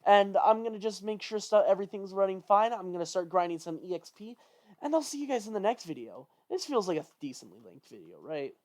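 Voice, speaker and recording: A game commentator talking through a play session in a loose, rambling way, often stopping to think out loud. There's a fretful edge as they fuss over whether things in the game went wrong. Everyday speaking pitch, nothing unusual about the voice itself. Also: animated, brisk. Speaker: gameplay commentator. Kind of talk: casual let's-play commentary.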